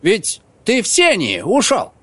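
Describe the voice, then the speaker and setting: Мужчина играет грубого вспыльчивого молодого вора. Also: male voice, high voice, huge pitch swings, a little slow, pushed and bright, no room sound, pitched above the performer's own voice, exaggerated voice. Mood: rough. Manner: rough, abrupt. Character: rough hot-tempered young male thief.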